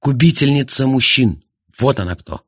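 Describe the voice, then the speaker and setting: A man voicing a jealous, blustering husband who shouts indignantly in an audiobook. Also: mid-range voice, expressive, moderate pace, slightly rough, no echo, clean studio sound. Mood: ranting. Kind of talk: audiobook character voice.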